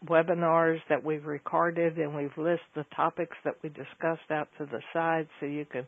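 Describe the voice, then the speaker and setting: A man's voice: a little high, creaky, no echo. A man explaining things at length on a phone call, rambling with fillers and correcting himself as he goes. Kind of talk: casual explanatory talk. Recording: tinny phone line.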